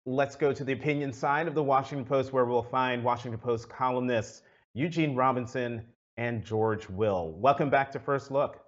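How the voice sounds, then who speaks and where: A man's voice: medium pitch, moderate pace, highs cut off. A man hosting a news interview show, asking questions with frequent "uh" fillers. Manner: hesitant, many uh fillers.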